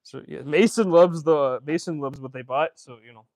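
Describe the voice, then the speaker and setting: A man's voice: a little high, normal speed, darkish tone, no room sound. A man chatting casually on a livestream, rambling with many fillers and answering viewer comments. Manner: rambling, lots of fillers and restarts. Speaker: fashion designer streamer.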